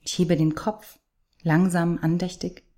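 A woman reading a first-person story aloud with passion, moving between hushed lines and outcries. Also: lowish voice, little pitch movement, measured pace. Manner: impassioned, swinging from hushed to outcries.

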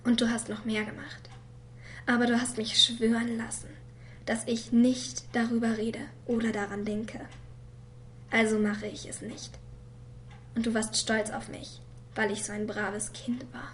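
A woman voicing a quiet, hurt young girl who reads a letter to her father in a soft voice that sometimes drops to a whisper. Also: fairly high pitch, flat delivery, moderate pace, slight background noise, close to an everyday voice. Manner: soft and subdued, at times whispered. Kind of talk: voice-over reading of a letter.

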